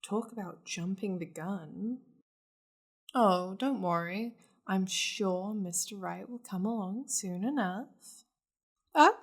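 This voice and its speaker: In an intimate ASMR roleplay, a woman voices a powerful demon lady, speaking slowly and languidly at medium pitch. Her fry-edged voice drifts into breathy half-whispers as she seductively teases her pet, possessive yet playful and doting.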